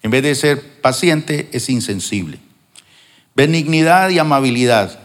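A man preaching a sermon as pastor, teaching with acted-out examples and emphatic pauses. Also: mid-range voice, animated. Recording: long hall reverb.

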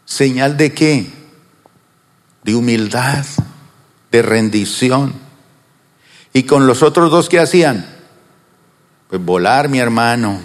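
A male pastor preaching to his congregation, asking them questions and answering them, slowing down on some words and rushing through asides. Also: medium pitch, animated, long reverb tail. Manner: swings between slow drawn-out words and fast asides. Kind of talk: sermon. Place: church.

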